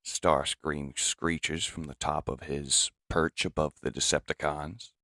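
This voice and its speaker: Male comic-dub narrator, very low and gravelly, with a dry close sound. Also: takes it slowly, dry recording. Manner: steady, descriptive storytelling.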